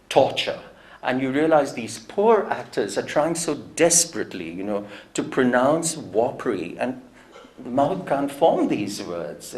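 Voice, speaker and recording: A man giving a public lecture, telling a story in a reflective, anecdotal way and quoting others in his own voice. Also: mid-range voice.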